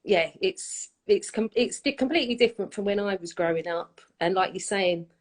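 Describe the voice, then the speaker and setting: A woman's voice: mid-range voice, normal speed. A woman from London with a London accent, hosting a casual interview, effusive and repeating herself. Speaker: host.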